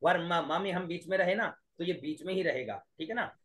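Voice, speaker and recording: A man's voice: high voice, fairly quick, a bit bright. A man teaching Vedic mantra pronunciation in an online class, breaking words into syllables and chanting each line over and over. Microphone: video call.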